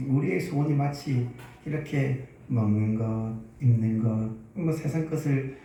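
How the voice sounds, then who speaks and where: A man's voice: mid-range voice, a little slow, dark tone, a little hiss or hum. A male pastor telling a story in a sermon, often asking the congregation questions. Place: church sanctuary. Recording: echoey church hall, distant mic.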